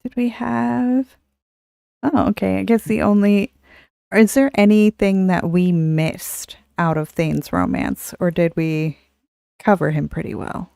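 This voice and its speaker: A woman's voice: mid-range voice, steady tone, measured pace, vocal fry, dark tone, smooth, no echo, studio quality. A woman in her thirties, co-hosting a podcast, speaking earnestly and emotionally in casual chat. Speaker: podcast co-host.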